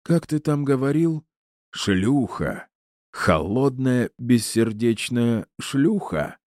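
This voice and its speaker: A man's voice: medium pitch, animated, slow pace, no echo, clean studio sound, voice pushed up. A man voicing a gleeful, cruel male villain who taunts his captive in a theatrical, mocking way. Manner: mocking, theatrical, rising to shouts.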